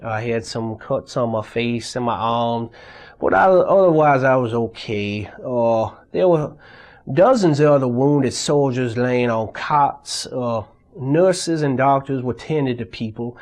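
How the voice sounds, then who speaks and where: A man interviewed in a mock documentary, telling his war story in an earnest, halting way. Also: mid-range voice, lively intonation, darkish tone.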